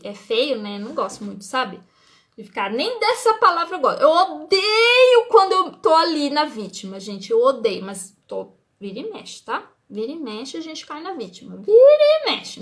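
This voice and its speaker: A woman's voice: sits high, a bit bright. A woman explaining flower remedies in a live stream, talking to her viewers and greeting them by name. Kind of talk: live-stream teaching talk.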